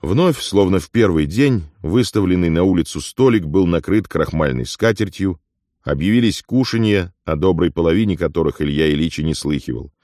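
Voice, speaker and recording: A man narrating an audiobook in a measured, steady storytelling manner. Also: sits low, no echo, studio quality.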